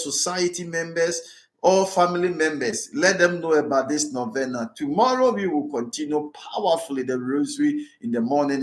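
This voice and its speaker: Fervent Ghanaian priest leading prayers. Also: male voice, fairly high pitch, roomy sound. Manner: repetitive, fervent, exhorting.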